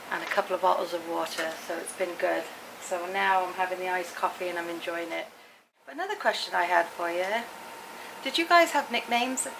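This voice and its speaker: A woman's voice: medium pitch, creaky, noisy background. A middle-aged woman from England, chatting casually to viewers in a rambling, anecdotal vlog style. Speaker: vlogger.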